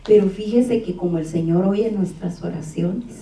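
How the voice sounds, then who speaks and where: A woman's voice: on the low side, moderate pace, warm tone. A middle-aged woman, telling a story in a church testimony sermon and acting out the dialogue. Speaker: church speaker. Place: church hall. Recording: echoey church room, from far off.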